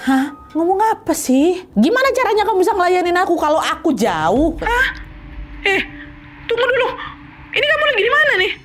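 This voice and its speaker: Woman doing a puzzled young husband, high rising questions, quick. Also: sing-song, a bit bright, soft background music, full character voice. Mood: confused. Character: young husband living away, confused and worried.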